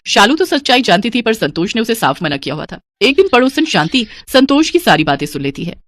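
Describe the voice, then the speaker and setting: A woman's voice: a little high, sing-song, a little fast, fairly bright tone, no room sound. Lady narrator for a cartoon story, plain telling, dry sound.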